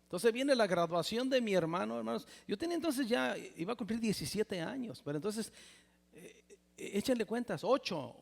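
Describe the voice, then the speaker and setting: A Mexican man in his sixties preaching a personal testimony sermon in a church, with a Mexican Spanish accent, swinging from loud exclamations to near whispers. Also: high-pitched, expressive, normal speed, creaky. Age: 60s. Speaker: pastor. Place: church sanctuary. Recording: reverberant church hall.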